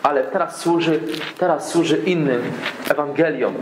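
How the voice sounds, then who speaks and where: A man's voice: a little high, moderate pace, background noise. A man giving a sermon as a guest preacher, telling stories and speaking straight to the congregation. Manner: storytelling, addresses the congregation directly. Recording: echoey hall with faint ambience.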